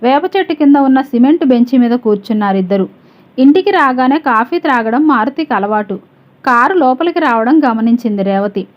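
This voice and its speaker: A woman's voice: a little high, lively intonation, a little fast. A woman narrating a novel as an audiobook, reading the quoted dialogue with only light changes of voice. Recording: dull lo-fi sound.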